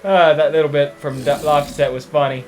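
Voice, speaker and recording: Guy doing casual let's play commentary, relaxed, chuckling, game music in the back. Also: on the high side, a little fast.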